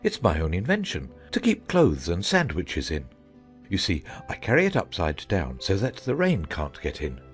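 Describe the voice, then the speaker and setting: A man voicing a gentle, eccentric knight in a storybook audiobook, earnest and friendly, with a husky voice. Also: low voice, huge pitch swings, moderate pace, faint music behind. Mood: proud, friendly. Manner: friendly, earnest, swooping intonation.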